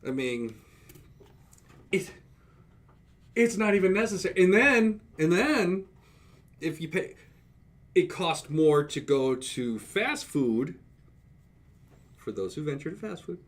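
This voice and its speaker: A man co-hosting a podcast, chatting casually and teasing his friend in a playful, animated way. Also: on the high side, takes it slowly, pauses often. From United States. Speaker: podcast co-host. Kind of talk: casual banter.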